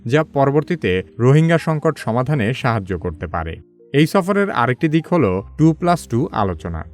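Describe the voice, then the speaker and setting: Measured male news explainer over soft music. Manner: even, measured delivery with sentences falling low at the ends. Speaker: explainer narrator. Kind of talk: scripted news explainer narration. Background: faint background music.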